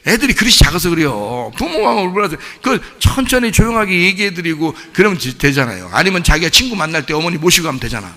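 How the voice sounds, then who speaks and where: A man's voice: a little high, very animated, quick pace, few pauses, sharp tone. A man preaching a sermon as a pastor, talking conversationally with many rhetorical questions and acting out quoted voices. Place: church sanctuary. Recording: long reverb of a church hall.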